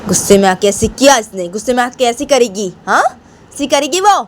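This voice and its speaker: A woman performs an indignant elderly grandmother berating her daughter-in-law, her shrill voice nagging and repetitive yet natural-sounding. The delivery is expressive and brisk, with a little hiss or hum in the recording.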